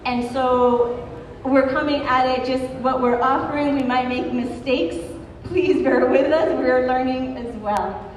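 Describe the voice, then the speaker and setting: A high-voiced woman opens a community workshop and talks earnestly to the crowd. The sound is echoey and roomy, as if captured from far away in a large hall. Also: fairly even intonation, a little slow, a little hiss or hum. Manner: earnest, thanking, often restarting phrases. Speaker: workshop organizer. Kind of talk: introducing a workshop. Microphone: handheld microphone.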